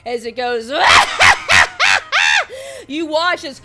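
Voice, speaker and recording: A woman's voice: high-pitched, animated, unhurried, very noisy. A young woman running a tabletop role-playing game as game master, narrating dramatically and laughing often.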